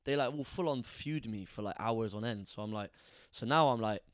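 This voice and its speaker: A man's voice: mid-range voice, normal speed, no room sound, studio quality. Young man chatting on a podcast. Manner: rambling, restarts often, laughs easily. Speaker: podcast co-host. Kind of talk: casual chat.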